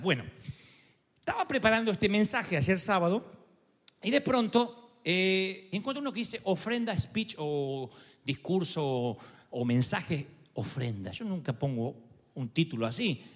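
A man, a pastor with an Argentine accent, preaching a sermon and acting out quoted dialogue, moving between low intimate asides and loud peaks. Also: very animated, moderate pace. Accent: Argentine Spanish. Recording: long hall reverb.

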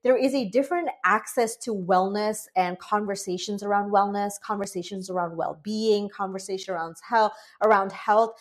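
Speaking at a moderate pace with hardly any pauses, this woman from Bangladesh, a breathwork facilitator in her late twenties or thirties, has a medium-pitched voice. In the conversational interview she is earnest and chatty, using many "like"s and lively quoted asides.

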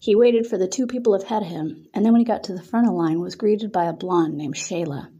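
Woman with a mellow, breathy voice reading a story. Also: mid-range voice, quick pace, highs cut off. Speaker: author reading her own story. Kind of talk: erotic story narration.

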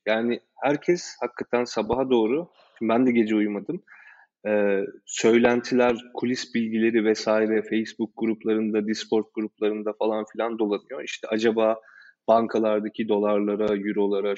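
A man hosting a casual discussion, explaining in a measured way with hesitant fillers. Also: fairly low pitch, a little mellow, muffled recording. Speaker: host.

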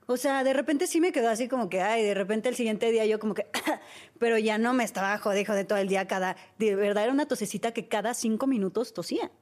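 A woman's voice: fairly high pitch, quick pace, a little mellow. A woman in her thirties with a Mexican accent, hosting a podcast and telling a personal story in a candid, casual way. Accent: Mexican Spanish. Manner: candid, storytelling, lots of fillers. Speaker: podcast host. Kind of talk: casual conversation.

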